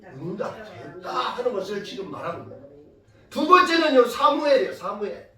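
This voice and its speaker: A woman pastor preaching a sermon in a lively storytelling way, often putting questions to the congregation and rising to loud emphasis. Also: fairly high pitch, moderate pace. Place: church sanctuary. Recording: echoey church hall from far off.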